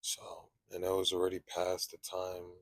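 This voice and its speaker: A man's voice: deep voice, completely flat delivery, normal speed, crowd noise. A young man hosting a podcast, chatting casually with lots of profane slang. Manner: laid-back, profane slang. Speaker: podcast host.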